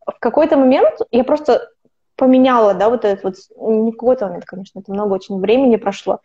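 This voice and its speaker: Heard on a dull lo-fi recording, a woman in her twenties speaks fast in a warm, fairly high voice. As an opera student guesting on a podcast, she chats casually in an interview, rambling with lots of restarts and self-corrections.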